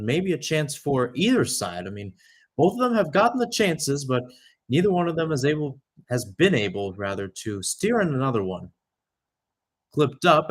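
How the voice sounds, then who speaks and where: Medium in pitch and fairly bright, the voice is that of a young man doing live radio play-by-play for soccer. He frequently corrects himself and lapses into offhand asides.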